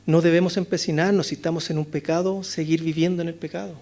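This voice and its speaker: Chilean male pastor, expository sermon, high voice, rhetorical questions, dynamics from loud to hushed. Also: little pitch movement, quick pace. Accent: Chilean Spanish. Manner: rhetorical questions, frequent "¿no es cierto?", swings between loud and hushed. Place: church chapel.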